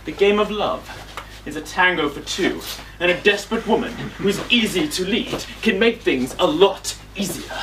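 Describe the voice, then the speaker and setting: A man playing a sardonic journalist in a live stage comedy, with a wry, deadpan delivery. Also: sits high, moderate pace. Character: dry male journalist, sardonic sidekick. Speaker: journalist character. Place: theatre stage. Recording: roomy far-off stage sound, audible room noise.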